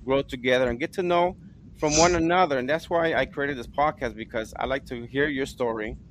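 A man's voice: medium pitch, fairly quick, slight background noise. A middle-aged man hosting a podcast, introducing his guest in a loose, repetitive way. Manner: rambling, repeats himself. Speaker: podcast host. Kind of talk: casual interview.

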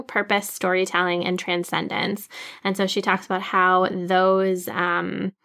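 A woman co-hosting a casual podcast, summarizing a book in a measured way with frequent "um" and "so". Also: on the low side, pushed and bright. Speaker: podcast co-host. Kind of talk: casual book-recommendation chat.

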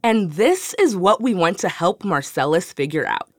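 A woman's voice: fairly low pitch, big pitch swings, normal speed, no echo, clean studio sound. A woman hosting a podcast, delivering scripted narration in a friendly storytelling manner. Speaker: podcast host.

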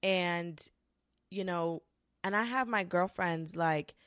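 A woman in her twenties talking casually and candidly to the camera, swearing freely and rushing through quick bursts. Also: fairly low pitch, fairly bright tone, smooth, no room sound, studio quality. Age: 20s. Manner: candid and profane, with frequent restarts and quick bursts. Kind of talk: casual confessional monologue.

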